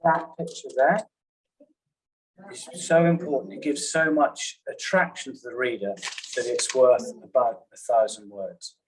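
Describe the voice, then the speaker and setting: A man teaching a journalism class in a classroom, talking in a halting way and often checking in with "okay?". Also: mid-range voice, steady tone, slightly rough, low-quality recording. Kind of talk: classroom lecture.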